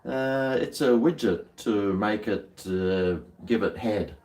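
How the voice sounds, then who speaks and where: A man's voice: lowish voice, slow, a little mellow. An Australian man chatting casually to viewers over a beer, rambling in a laid-back, slangy, working-bloke way. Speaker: livestream host. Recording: roomy echo, distant microphone.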